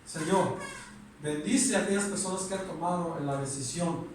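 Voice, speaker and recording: A man with a Mexican Spanish accent preaches, earnest and repetitive, firing rhetorical questions. His voice sits high for a man. It rings with heavy echo, taken from far off in a room. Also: moderate pace, noisy background. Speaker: pastor. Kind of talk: sermon. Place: church or meeting room.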